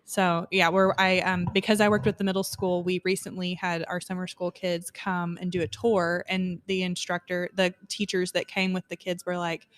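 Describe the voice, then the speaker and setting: A woman's voice: lowish voice, little pitch movement, moderate pace, hardly any pauses, a little hiss or hum. A woman from Arkansas, chatting as a podcast guest in a friendly way. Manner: friendly, chatty, laughs easily. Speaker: guest, instructional design coordinator. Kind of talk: conversational interview answers. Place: conference hotel.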